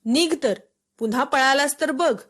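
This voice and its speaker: A woman's voice: sits high, a little slow. A woman reading as a strict village mother. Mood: scolding. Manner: sharp scolding commands. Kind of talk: storybook reading.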